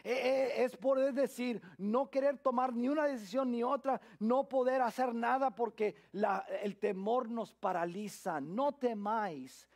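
A man with a high voice delivers a sermon as a middle-aged pastor. He drops from forceful emphasis to hushed, almost whispered lines, and often restarts and repeats his words. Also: a little slow, few pauses. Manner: dramatic swings from loud emphasis to hushed near-whisper.

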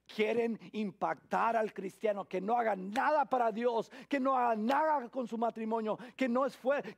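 A man with a high voice delivers a sermon as a middle-aged pastor. He drops from forceful emphasis to hushed, almost whispered lines, and often restarts and repeats his words. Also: vocal fry. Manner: dramatic swings from loud emphasis to hushed near-whisper.

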